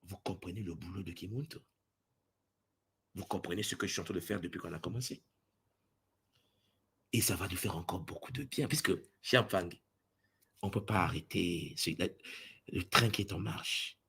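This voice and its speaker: A man addressing spiritual followers, jumping between booming exclamations and low asides, often acting out other people's voices. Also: moderate pace, long pauses, a bit bright, husky. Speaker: spiritual teacher.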